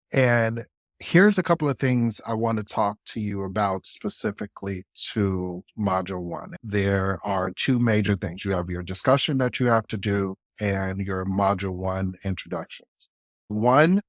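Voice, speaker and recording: A man with a lowish voice talks casually and directly to viewers, walking them through a course the way a student video creator would. The audio is clean studio sound with no room echo.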